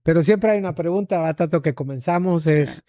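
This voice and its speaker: A male podcast host with a warm, mellow tone, recorded close and dry. He sounds upbeat and welcoming, and his pitch sits somewhat high. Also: a little fast, dry recording. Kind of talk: podcast interview.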